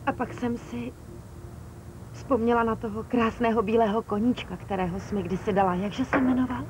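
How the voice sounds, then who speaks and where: Female dub actor as a calm young captive, noisy backdrop. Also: a little high, close to an everyday voice. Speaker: dubbing actor. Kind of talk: dubbed telenovela acting. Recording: noisy background.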